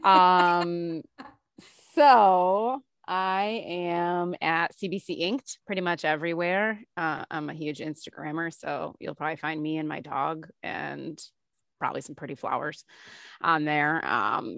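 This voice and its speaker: A woman hosting a casual podcast chat, her voice sitting a little low and her delivery playful and quick to laugh. The sound is close and dry, with no room around it. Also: gravelly, dry recording. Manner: playful, laughs often, jokey asides. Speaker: podcast host.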